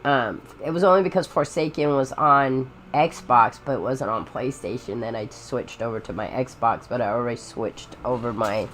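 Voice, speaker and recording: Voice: medium pitch, normal speed, hardly any pauses, a bit bright, a little hiss or hum. A gamer giving informal, rambling commentary while playing, chatting casually about games. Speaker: gamer, game streamer. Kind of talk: casual gameplay commentary and chat. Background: game music.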